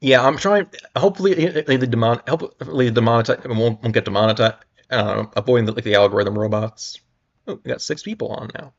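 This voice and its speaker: A man's voice: medium pitch, quick pace, gravelly. A young man reads a pulp novel aloud for a livestream audience, breaking off for wry, amused asides and tripping over words. His voice sits in an ordinary middle register, and the sound is dull and lo-fi, like a home stream. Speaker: livestream reader. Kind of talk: casual dramatic reading with mocking asides.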